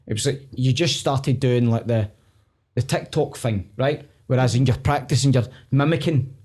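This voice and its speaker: A Scottish man hosting a podcast in casual chat, with quick, stumbling restarts. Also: mid-range voice, darkish tone, breathy edge. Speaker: podcast host.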